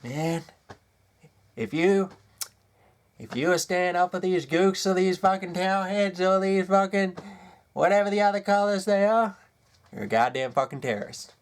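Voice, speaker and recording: A man delivering a comedic character rant, lurching between low mutters and loud outbursts. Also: moderate pace, pauses often.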